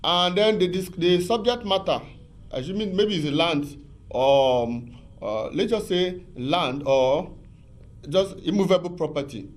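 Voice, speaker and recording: Lecturing man, slightly high voice. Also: lively intonation, a little slow. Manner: patient, repetitive, lecturing with many fillers. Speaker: legal expert guest. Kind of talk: explanatory TV talk on law.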